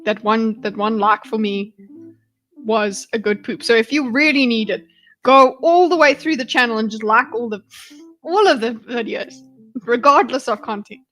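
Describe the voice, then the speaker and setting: A woman's voice: a little high, normal speed, a bit bright, faint music behind. A woman hosting a livestream, reacting to a debate clip with blunt, exasperated, pleading asides and some swearing. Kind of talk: casual reaction commentary.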